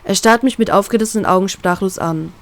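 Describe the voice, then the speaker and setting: A woman narrating a first-person fan-fiction story in a calm, even storytelling way. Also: mid-range voice, quick pace, no echo. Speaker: reader, narrator.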